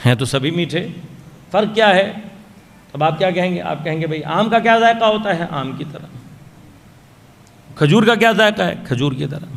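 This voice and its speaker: A man giving a measured religious lecture in a mosque, explaining his point and asking the audience rhetorical questions. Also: high voice, a bit bright. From Pakistan. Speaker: Shia cleric giving a majlis sermon. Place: large mosque hall. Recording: long hall reverb from a mosque PA. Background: long reverb.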